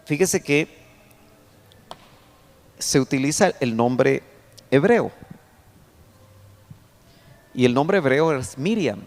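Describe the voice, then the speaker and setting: A male pastor teaching a Bible study sermon, explaining verses slowly, pointing at a chart and reading scripture aloud with rising emphasis. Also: medium pitch, animated, a little mellow. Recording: long hall reverb.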